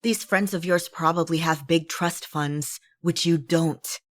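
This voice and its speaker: A woman voicing a young woman, an earnest, caring older sister who speaks in a measured way. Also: low-pitched, steady tone, no echo, clean studio sound.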